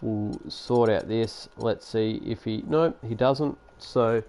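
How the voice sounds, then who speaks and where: A man's voice: lowish voice, takes it slowly, a little mellow. A man giving casual, sarcastic commentary while playing a basketball management game. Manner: chatty, sarcastic, grumbles at the game. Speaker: gaming YouTuber.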